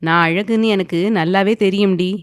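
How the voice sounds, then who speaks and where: A woman's voice: medium pitch, moderate pace, no echo, studio quality, natural voice. A woman voicing a domineering, possessive young man who speaks firmly and commandingly, sometimes teasing.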